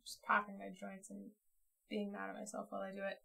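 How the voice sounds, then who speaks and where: A woman's voice: medium pitch, monotone, a little fast, vocal fry, pushed and bright, breathy edge. A woman streaming a board game, chatting casually and thinking aloud as she plays.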